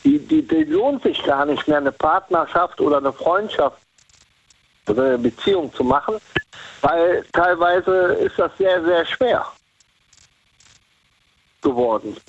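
A man's voice: fairly high pitch, very animated, measured pace, gravelly, pauses often, no echo. A man from Cologne calling in to a radio show, talking in a loose, rambling way over the phone. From Cologne, Germany. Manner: rambling, repeats himself. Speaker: caller. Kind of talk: casual phone-in chat. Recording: muffled phone line.

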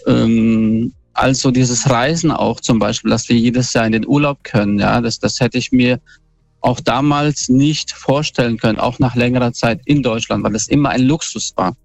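Calling in from northern Bavaria over a dull, lo-fi phone line, this man relates his story in a relaxed, halting way, stumbling through fillers and restarts. His voice is mid-range, creaky and steady at a moderate pace, with no room sound and faint music behind him.

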